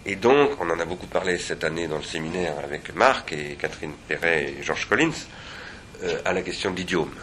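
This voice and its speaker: A man speaking at an academic seminar, digressive and reflective, pausing often and restarting his sentences. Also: low-pitched, fairly bright tone, a little hiss or hum.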